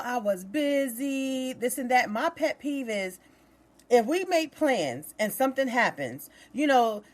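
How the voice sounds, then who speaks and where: Woman, podcast host, casual storytelling, animated, exasperated, slang-heavy. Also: a little high.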